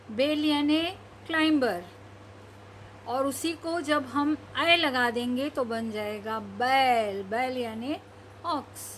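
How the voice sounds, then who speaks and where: A woman teaching a children's reading lesson, stretching each word out slowly and then explaining its meaning to the class. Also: sits high, a bit bright, slight background noise. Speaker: primary school Hindi teacher.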